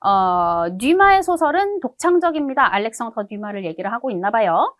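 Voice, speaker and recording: A woman teaching an online language lesson, with a bouncy, animated pitch that rises and falls a lot. She explains patiently and answers her own questions. Her voice is close and dry, with no room echo. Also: moderate pace. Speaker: French teacher.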